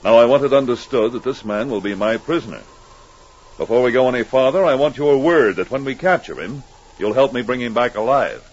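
Steady Mountie sergeant, lively intonation. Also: male voice, medium pitch, breathy edge. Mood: firm, calming. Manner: firm, measured, commanding. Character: steady, dutiful Mountie police sergeant, calmly authoritative. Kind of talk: old radio adventure acting. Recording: dull, noisy old radio recording.

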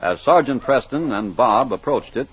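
A man's voice: mid-range voice, lively intonation, moderate pace. A man reading scripted narration for an old radio adventure story. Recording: dull, clearly noisy old radio recording.

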